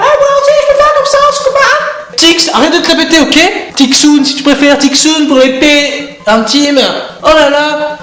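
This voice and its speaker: A young man vlogging in a goofy, rambling way, jumping from topic to topic and bursting loud at times. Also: very high voice. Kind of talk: rambling comedic vlog. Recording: echoey room, faint music.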